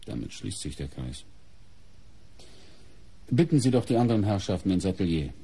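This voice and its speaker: A male actor with a low, dark, breathy voice gives a very animated, full character performance as a shrewd, courteous police inspector in a German radio crime drama. His delivery is deliberate, formal and dramatic, with a probing mood.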